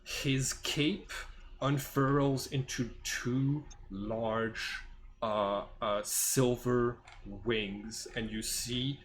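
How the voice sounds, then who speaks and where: A man working as game master, improvising the narration of a tabletop fantasy game and often searching for words in a halting way. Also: mid-range voice, fairly even intonation.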